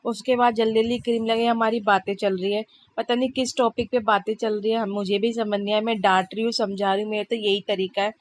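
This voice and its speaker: A woman's voice: medium pitch, steady tone, fast talker. A woman in her thirties, a mother, narrating her busy day in a chatty, exasperated vlog voice-over. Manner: chatty, exasperated, complaining humor. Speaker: vlogger, mother.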